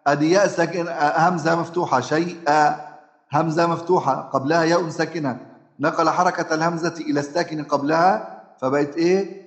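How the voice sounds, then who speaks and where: Egyptian guy teaching recitation rules, keeps asking the class questions, kinda high voice, echoey room. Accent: Egyptian Arabic. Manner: conversational teaching, often asks the listener questions, many drawn-out fillers. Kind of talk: Egyptian Arabic lesson explaining recitation rules.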